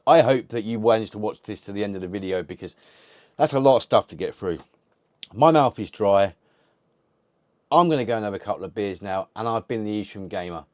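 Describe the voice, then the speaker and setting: A man's voice: lowish voice, animated, fairly quick, darkish tone, no room sound, clean studio sound. A man hosting a retro gaming channel, chatting casually to camera in a rambling way, swearing constantly and restarting sentences. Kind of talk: casual unboxing chat to camera.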